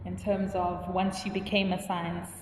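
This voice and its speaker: A woman's voice: on the low side, little pitch movement, unhurried, slight background noise. A woman hosting a science podcast, asking curious, encouraging questions. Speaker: podcast host. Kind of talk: podcast interview. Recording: echoey room with long reverb.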